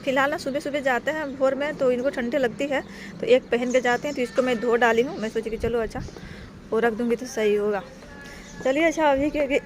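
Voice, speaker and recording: A woman's voice: fairly high pitch, a little hiss or hum. A young woman from India narrating her daily routine vlog as a voice-over in a chatty, rambling way, stringing thoughts together with "because" and "na". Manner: chatty, rambling, repeats "kyunki" and "na"; speaks as a voice-over, not to camera. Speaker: vlogger.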